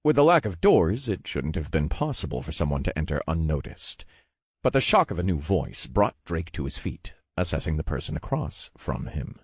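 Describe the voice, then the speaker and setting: A man narrating an audiobook in a measured, wry storytelling manner. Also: extremely low pitch, big pitch swings, husky, no room sound, studio quality.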